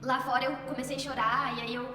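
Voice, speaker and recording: A woman giving an emotional faith testimony, talking fast to her viewers and fighting back tears. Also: sits high, flat delivery, pushed and bright. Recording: echoey room with long reverb, faint noise.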